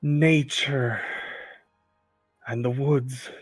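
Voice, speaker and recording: A man doing a solemn elf leader's magically amplified booming voice. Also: fairly even intonation, husky, dry recording, faint music behind. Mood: solemn beseeching. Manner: slow, loud, ceremonial invocation. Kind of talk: game master voicing a character.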